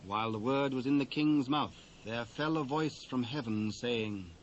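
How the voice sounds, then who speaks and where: Solemn British male narrator, dulled tape. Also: mid-range voice. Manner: solemn, measured. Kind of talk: scripted scripture narration. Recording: dull cassette transfer, faint hiss.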